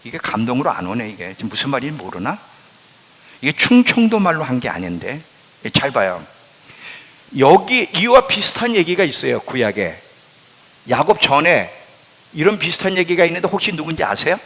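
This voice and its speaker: A male pastor preaching a sermon, quizzing the congregation and answering himself, swinging between loud emphasis and hushed asides. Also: on the high side, sing-song, moderate pace, slightly rough. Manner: asks the congregation questions and answers them himself. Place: church sanctuary. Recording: long hall reverb in a church.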